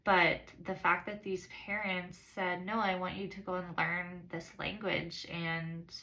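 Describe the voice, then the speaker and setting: A woman's voice: on the low side, flat delivery, a little slow, bright, forceful tone, rough recording. A woman talking in a casual, reflective vlog style, earnest and somewhat hesitant in her phrasing. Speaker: science teacher giving a course reflection.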